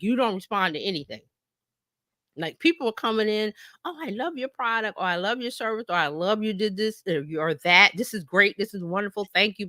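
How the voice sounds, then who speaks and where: On a live stream, this woman coaches on marketing in a lively, chatty way, frequently voicing made-up comments and checking on her audience. She speaks at a medium pitch. The audio is clean studio sound with no echo.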